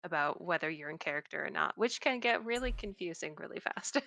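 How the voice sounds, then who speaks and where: Low gravelly-voiced woman chatting on a podcast call, lots of ums, bright edge, dry sound. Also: animated, brisk, no room sound. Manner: hesitant, many fillers. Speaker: venue greeter guest. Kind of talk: casual podcast chat.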